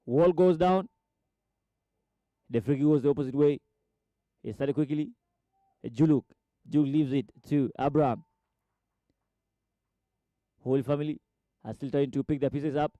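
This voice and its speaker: Excitable man calling football, dark tone. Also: on the high side, no room sound, highs cut off. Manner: rapid play-by-play, repeats player names, rises sharply at chances. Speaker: football commentator. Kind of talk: live match commentary.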